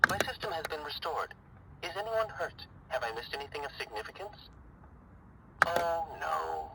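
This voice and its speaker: An actor playing a gentle, polite male robot caretaker, heard as a smooth, calm android voice played back through a small toy speaker. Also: on the high side. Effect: small toy speaker playback. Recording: loud noisy toy speaker recording.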